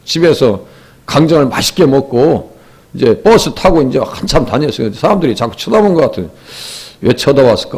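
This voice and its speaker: A man's voice: a little high, breathy edge. A middle-aged male pastor preaching a sermon and putting questions to the congregation. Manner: lively, asks the congregation questions, acts out quoted voices.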